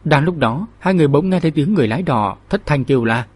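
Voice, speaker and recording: Husky male storyteller. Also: a little high, dry recording. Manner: steady, measured storytelling. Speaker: storyteller, channel host. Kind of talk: martial-arts novel audiobook narration.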